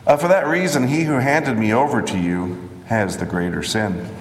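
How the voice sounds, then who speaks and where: A man voicing a calm male prisoner on trial during a measured scripture reading, in an echoey hall. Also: mid-range voice, close to an everyday voice. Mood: solemn. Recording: echoey hall with long reverb.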